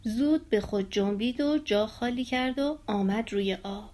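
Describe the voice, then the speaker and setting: A woman reading a children's story aloud in a calm, steady storytelling manner. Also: fairly high pitch.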